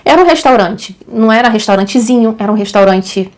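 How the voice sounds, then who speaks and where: A young adult woman with a Brazilian Portuguese accent, a mother telling a story to her viewers in a casual, animated, chatty way. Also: on the high side, quick pace. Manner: animated, chatty, addresses viewers as gente, acts out quotes. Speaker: vlogger and mother.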